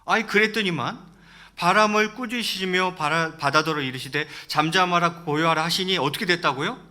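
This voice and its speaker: A man preaching a sermon as pastor, reading scripture aloud and asking the congregation questions, swinging between loud rises and soft drops. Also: high voice, brisk.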